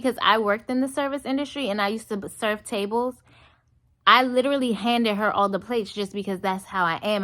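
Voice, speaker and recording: Animated American woman on a casual rant. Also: medium pitch. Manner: animated, emphatic, acts out dialogue. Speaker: vlogger addressing viewers.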